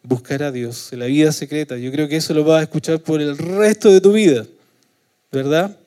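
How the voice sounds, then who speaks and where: A Chilean man delivering a sermon, his tone dark and mellow, sitting a little higher than a typical male voice. He keeps asking his listeners for agreement with short tag questions. When he acts out prayers he gets loud and pleading, then falls soft at the ends of his phrases. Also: moderate pace. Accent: Chilean Spanish. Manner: asks the congregation for agreement with frequent tag questions. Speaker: preacher.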